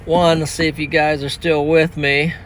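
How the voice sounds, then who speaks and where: Man, storm chaser, higher-pitched voice, casual live-stream chat, noisy outdoor recording. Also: flat delivery, normal speed. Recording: loud outdoor wind and traffic noise.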